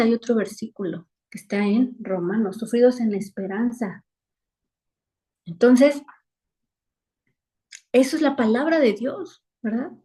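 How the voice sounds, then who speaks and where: A woman's voice: mid-range voice, darkish tone. A woman teaching a weekly Bible lesson over a video call, earnest and repeating phrases for emphasis.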